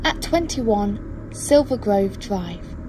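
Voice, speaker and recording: A young woman playing a cool, formal interrogator in a film drama, measured, deliberate and matter-of-fact. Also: mid-range voice, lively intonation, warm tone, slight background noise. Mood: insistent, clinical. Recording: music behind the voice.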